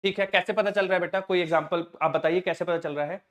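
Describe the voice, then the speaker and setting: A man's voice: high-pitched, fairly even intonation, fast, a bit bright. A middle-aged man teaching maths to a class, patient, often checking whether the students follow on the terms. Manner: patient, addresses students as children, asks frequent check questions.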